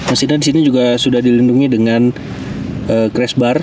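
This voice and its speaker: A man casually walking through a motorcycle's features and narrating a touring trip outdoors, explaining in a relaxed way with small fillers. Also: medium pitch, a little fast. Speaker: motorcycle reviewer. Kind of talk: casual moto review and touring vlog. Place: outdoors beside roads. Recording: outdoor recording with loud road noise. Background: loud traffic and engine noise.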